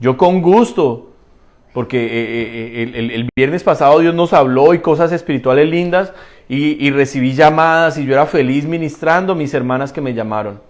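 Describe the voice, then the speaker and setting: Speaking straight to his congregation, a male pastor with a mid-range voice preaches at a normal pace. He asks and answers his own rhetorical questions and leans on repeated phrases for emphasis.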